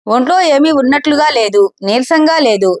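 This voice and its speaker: A woman's voice: high voice, lively intonation, moderate pace, no echo, clean studio sound. A woman voicing a nosy middle-aged neighbor woman who fishes for gossip with probing questions. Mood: prying.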